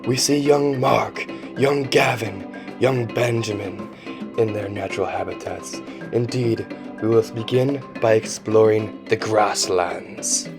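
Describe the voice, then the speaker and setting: A man's voice: on the low side, slow pace, vocal fry. A young man co-narrating a parody nature documentary in a grandiose, mock-serious manner. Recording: music playing underneath.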